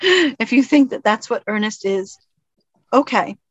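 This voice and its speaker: A woman's voice: medium pitch, a little slow, dry recording. A woman minister giving a reflective sermon in an earnest storytelling manner. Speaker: spiritual minister and teacher. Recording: dull lo-fi recording.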